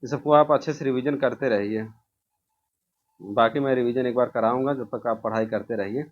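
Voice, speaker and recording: The lo-fi, muffled recording captures a man in an informal exam-prep session, his mid-range voice fairly even in intonation and normal in speed. He works through quiz questions by asking each one and answering it himself.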